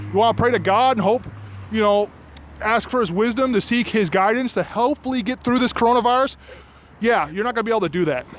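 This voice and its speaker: A man with a high-pitched voice rants in a casual vlog, his temper climbing as he goes. He talks outdoors at night near restaurants, heated and exasperated. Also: dull audio, a little hiss or hum. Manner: ranting, gets worked up and angry. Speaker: vlogger.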